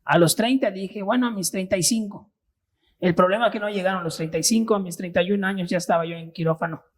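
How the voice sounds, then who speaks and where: A man in his thirties speaks as an interview guest, recounting his own experience. He talks earnestly but haltingly, restarting phrases as he searches for words. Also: sits high. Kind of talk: personal testimony in interview.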